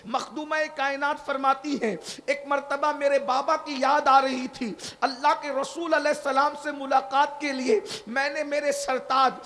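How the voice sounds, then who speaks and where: A man preaching an Islamic sermon in storytelling style, with an Urdu accent from South Asia. He moves from hushed retelling to fervent shouting and stretches out long chains of honorific titles. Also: extremely high pitch, little pitch movement, few pauses.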